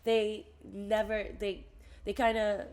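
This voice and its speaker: Animated young woman from the Netherlands. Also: medium pitch, takes it slowly. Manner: animated, laughing, restarts sentences. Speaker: guest actress. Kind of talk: casual interview chat.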